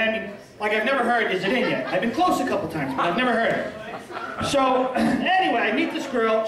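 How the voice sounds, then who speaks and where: Guy doing stand-up, punchy self-mocking one-liners, echoey far-off sound, crowd laughing. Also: sits high. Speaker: stand-up comedian. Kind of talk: stand-up comedy set. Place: small restaurant comedy stage.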